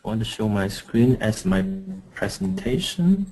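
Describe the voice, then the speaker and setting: A man's voice: medium pitch, sing-song, unhurried, creaky, a little mellow. Brief: man from Singapore, coaching trainer, webinar delivery, hesitant and full of fillers, computer mic. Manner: hesitant, with many fillers and restarts. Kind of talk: webinar presentation. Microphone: computer mic on an online call.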